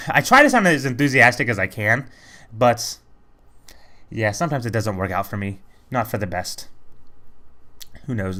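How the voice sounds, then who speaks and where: A man with a medium-pitched, fairly bright voice provides let's play commentary over a video game playthrough. His talk is casual and rambling, chatty and self-critical.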